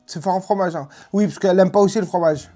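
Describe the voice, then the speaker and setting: A woman's voice: on the low side, fast talker, warm tone. A woman giving casual, chatty and emphatic tasting commentary in colloquial speech. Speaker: host of food tasting video. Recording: music playing behind.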